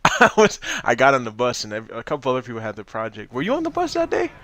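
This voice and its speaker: Young male co-host, casual and giggly, pitch jumping all over. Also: wildly swooping pitch, fast, sharp tone, no room sound. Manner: laughs often, loose slangy talk. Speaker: podcast co-host. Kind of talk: casual chat.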